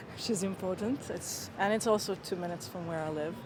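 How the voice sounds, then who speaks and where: A woman's voice: medium pitch, huge pitch swings, normal speed, background noise. A woman answering hesitantly about favourite places in a street interview. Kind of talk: casual chat.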